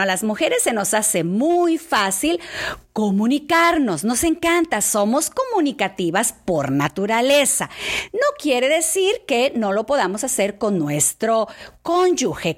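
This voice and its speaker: Speaking directly to her listeners, a woman teacher delivers an energetic lecture on how couples communicate. Her voice is forceful and loud, pitched fairly high.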